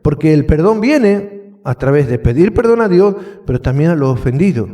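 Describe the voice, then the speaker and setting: A man's voice: a little high, very animated, normal speed, dark tone. A man with an Argentine accent preaching a sermon as pastor, asking the congregation questions as he goes. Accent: Argentine Spanish. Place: church hall.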